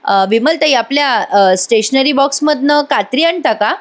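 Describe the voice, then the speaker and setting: A woman voicing a calm male doctor who asks slow, measured questions. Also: sits high, lightly acted. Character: calm male doctor, coolly exposing a fake injury.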